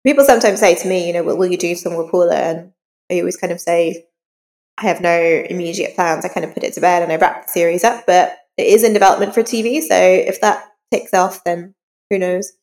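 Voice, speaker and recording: A crime novelist appearing as a podcast guest answers interview questions informally, thinking aloud. Her voice is fairly low, steady and darkish, a little fast, and the recording has a reverberant, hall-like echo.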